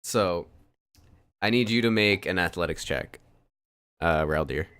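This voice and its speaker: Deep, smooth-voiced male dungeon master. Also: a little slow, fairly bright tone. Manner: loose narration full of ums and restarts. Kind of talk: narrating a tabletop game.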